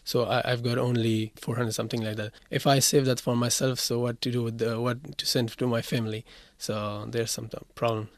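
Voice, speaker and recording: A man in his twenties from Afghanistan, speaking English as an in an interview, halting with many fillers and restarts. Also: mid-range voice, little pitch movement, dry recording. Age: 20s. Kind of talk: interview answers.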